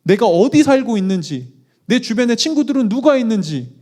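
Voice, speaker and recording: A male pastor preaching a conversational sermon, animated, putting questions to the congregation with self-deprecating asides. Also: extremely high pitch, brisk.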